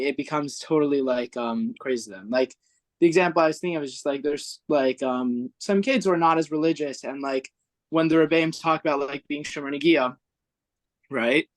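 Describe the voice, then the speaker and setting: Halting man on a video call. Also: on the high side, dry recording. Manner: halting, full of "like" fillers and restarts. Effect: heard over a video call with a dropping connection. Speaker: study group participant. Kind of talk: casual group text discussion.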